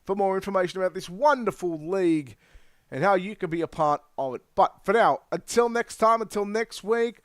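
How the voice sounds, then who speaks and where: A man's voice: sits high, moderate pace, dry recording, studio quality. A man with an Australian accent hosting a sim racing broadcast. He interviews drivers and signs off in an upbeat announcer style. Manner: upbeat announcer, punchy sign-off phrasing. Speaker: race broadcast host.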